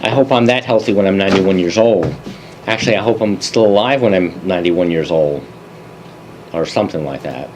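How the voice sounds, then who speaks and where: A man presenting a continuing education review of emergency calls, relaxed and conversational with dry asides. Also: low voice, fairly quick, slight background noise, poor audio. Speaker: EMS medical advisory presenter. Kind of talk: case review lecture.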